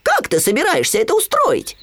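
A squeaky little piglet. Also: male voice, normal speed, dry recording, heavily acted. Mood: eager. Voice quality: squeaky, excitable. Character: timid tiny young male piglet.

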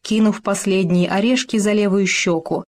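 Woman narrator, expressive children's story reading. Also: medium pitch, normal speed.

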